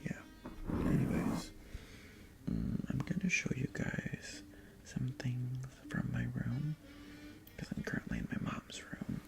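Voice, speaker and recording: In a bedroom with music playing in the background, a young adult ASMR creator whispers in Tagalog, rambling and chatting and often breaking off mid-sentence. The medium-pitched voice is slow with long pauses, broken by sudden breathy exclamations.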